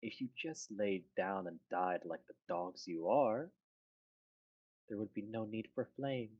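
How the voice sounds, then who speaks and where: A woman voicing a contemptuous female villain, taunting slowly like a menacing old hag in a tabletop game. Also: extremely low pitch, husky, highs cut off, full character voice. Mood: contemptuous menace. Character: gloating, contemptuous female villain with a witchy horse laugh.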